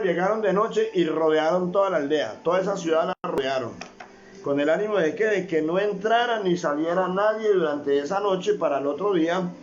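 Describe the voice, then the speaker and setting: A man's voice: high-pitched, muffled recording. A man preaching a sermon as a pastor, often calling on his brothers, asking rhetorical questions and repeating phrases.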